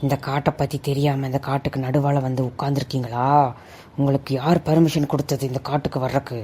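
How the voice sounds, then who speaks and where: A woman voicing a vengeful female forest ghost who growls slow threats and cackles in a cartoon. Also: very deep voice, level tone, dark tone, a little hiss or hum. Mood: menacing.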